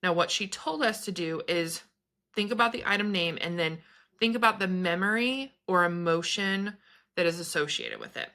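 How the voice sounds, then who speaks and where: A woman in her thirties talks casually to her viewers, wandering from thought to thought with small laughs. Her voice sits a little low but sounds bright and forward, with a crisp edge. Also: normal speed. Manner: chatty, meandering, laughs between thoughts. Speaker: spiritual vlogger and business coach. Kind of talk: casual chat to camera.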